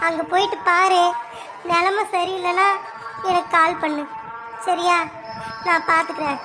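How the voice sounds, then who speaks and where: A woman plays a practical cartoon sister-in-law who calmly reassures and gives instructions. High-pitched voice over loud music. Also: normal speed, rough recording. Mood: reassuring. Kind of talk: dubbing an animated village story.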